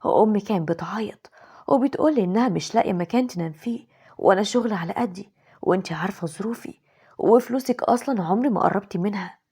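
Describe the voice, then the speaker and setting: A woman with an Egyptian accent voicing an anxious, evasive young husband in an animated story, in a breathy voice. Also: medium pitch, fast. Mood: pleading.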